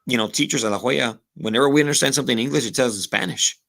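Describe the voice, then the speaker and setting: On a relaxed podcast, a man in his thirties who once kicked for a college football team speaks in a medium-pitched, gravelly and fairly bright voice at a racing pace. His Rio Grande Valley Texas accent comes through as he reflects aloud, peppering his talk with "you know" and bits of Spanish.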